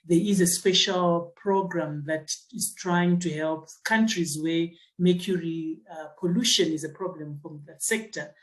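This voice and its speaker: A woman's voice: on the low side, steady tone, measured pace, hardly any pauses, poor audio. A middle-aged woman from Zimbabwe, a geoscientist answering interview questions in a thoughtful way, with many fillers and restarts. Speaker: geoscientist and associate professor.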